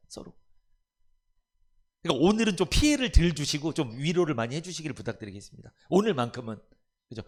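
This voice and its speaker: A man pastor preaching a sermon in church, asking the congregation rhetorical questions and acting out family members' voices. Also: medium pitch. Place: church sanctuary.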